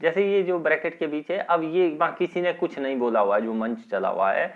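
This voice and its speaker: A man's voice: fairly high pitch, brisk. A man teaching a Sanskrit lesson online, reading each line aloud and then explaining it in Hindi, with frequent checks of "ठीक है". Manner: reads Sanskrit lines then explains them in Hindi, often adding "ठीक है". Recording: tinny phone-like audio.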